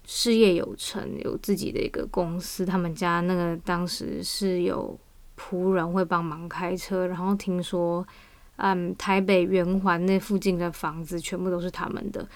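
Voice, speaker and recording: Her voice sits on the low side with little pitch movement, and she talks at a normal speed. The podcast host, a woman with a Taiwanese Mandarin accent, chats casually on her own, weak and under the weather from vaccine side effects.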